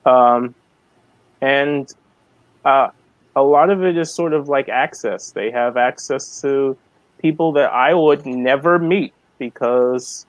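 A man of forty from the American South, a guest artist talking slowly and hesitantly on a video call, with many ums. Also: medium pitch, no echo, rough recording. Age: 40s. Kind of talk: casual video-call interview.

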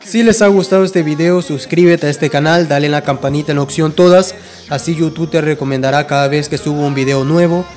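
A man's voice: fairly high pitch, steady tone, fairly quick, darkish tone, soft background music. Man, chatty football news. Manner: conversational, frequent fillers and restarts. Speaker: football channel host. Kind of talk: casual fan news commentary.

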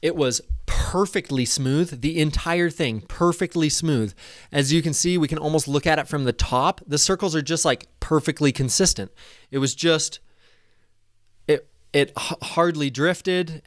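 A man in his thirties giving a casual, excited commentary over a replay of his own flight, at a desk microphone in a small room. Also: medium pitch, no room sound, clean studio sound. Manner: enthusiastic, casual, swears when excited. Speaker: paragliding vlogger. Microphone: desk microphone in front.

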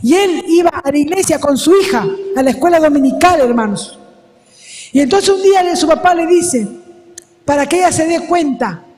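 High-voiced woman preaching with hall echo. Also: expressive, moderate pace, a little mellow. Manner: emphatic, repetitive, addresses congregation as brethren. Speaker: preacher at a women's service. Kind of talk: sermon.

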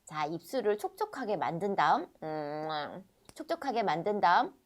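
A middle-aged woman with a Korean accent teaching children phonics, drawing out English words in a sing-song way and explaining quickly in Korean. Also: lowish voice, very animated.

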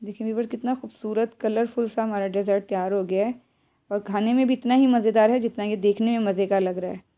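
A woman's mellow, medium-pitched voice moves briskly and steadily through a recipe. She is a home cook with a Pakistani accent, giving viewers direct, instructive guidance in a step-by-step tutorial voice-over.

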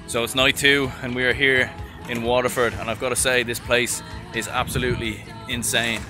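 A man's voice: medium pitch, little pitch movement, moderate pace. A man, casually narrating a road-trip vlog into a handheld camera, upbeat and slangy. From Ireland. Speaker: travel vlogger. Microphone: handheld camera at arm's length. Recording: loud music bed under the voice.

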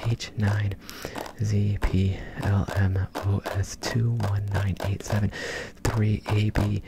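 A man in his thirties doing fast, aggressive ASMR in a breathy whisper close to the microphone, rapidly repeating short phrases. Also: on the low side, heavy background noise. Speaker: ASMR creator. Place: small indoor room. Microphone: close desktop condenser microphone.

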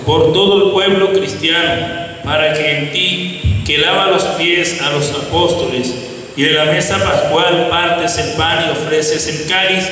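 A man's voice: on the high side, steady tone, unhurried, sharp tone. A man solemnly reading prayer petitions in an echoing church. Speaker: reader of intercessions. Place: inside a church at a lectern. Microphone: handheld microphone. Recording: echoey church, distant, faint noise.

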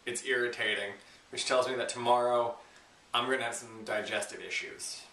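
With a medium-pitched, steady, sharp-toned voice at a moderate pace, this man jokes around informally and self-deprecatingly to camera as a challenge vlogger. The distant microphone picks up a roomy echo.

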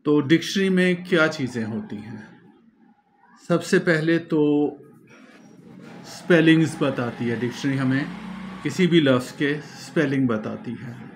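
A man lectures in a measured classroom manner, spelling out words letter by letter. His voice sits a little high and he speaks very slowly. A faint hiss of noise runs under the recording. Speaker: teacher.

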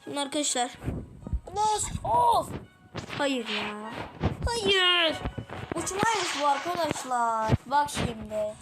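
High-voiced excitable Turkish gaming host. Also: female voice, slow pace, heavy background noise. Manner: excitable, talks to viewers, groans and exclaims at the game. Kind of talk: let's-play gameplay commentary. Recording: loud game music behind the voice.

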